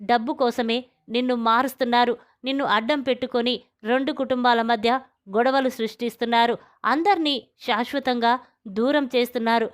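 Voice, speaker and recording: A woman's voice: on the high side, fairly even intonation, brisk, lightly acted. A woman reading as a fierce, indignant young sister. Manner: indignant, accusing. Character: fierce young woman standing up for her brothers.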